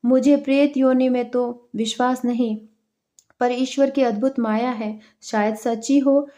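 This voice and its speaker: A woman's voice: fairly high pitch, steady tone, unhurried, mellow, lightly acted. Woman voicing a stern landowner father. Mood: doubtful. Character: stern middle-aged landowner father, commanding.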